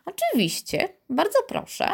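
A woman's voice: on the high side, slow, exaggerated voice. A woman doing Karolcia, a boastful little girl. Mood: teasing. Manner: lively, bragging, teasing.

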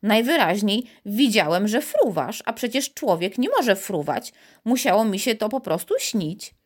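A woman's voice: mid-range voice, sing-song, unhurried, breathy edge. A woman voicing a skeptical, stubborn young boy who mocks and gets riled easily. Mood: doubtful.

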